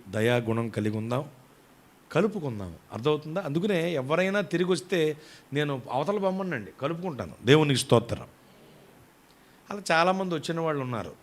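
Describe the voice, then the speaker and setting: A middle-aged man preaching a sermon, swinging from loud emphasis to soft asides. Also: mid-range voice. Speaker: pastor.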